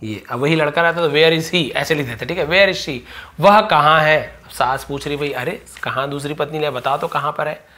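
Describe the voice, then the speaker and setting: Slightly high-voiced man teaching English grammar. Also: pushed and bright. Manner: explains step by step, repeats, asks and answers his own questions; drawn-out slow dictation when writing English phrases. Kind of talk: Hindi-medium English grammar lesson.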